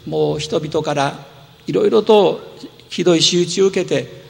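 A man preaching a sermon as pastor, explaining earnestly and gently with rising emphasis, in a church sanctuary. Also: on the high side, unhurried, vocal fry. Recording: long hall reverb.

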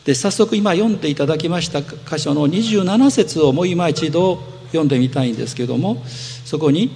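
Gravelly pastor preaching in a reverberant church. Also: male voice, on the high side, fairly quick, slight background noise. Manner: earnest, gently explanatory, with rising emphasis. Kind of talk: sermon. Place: church sanctuary. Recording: long hall reverb.

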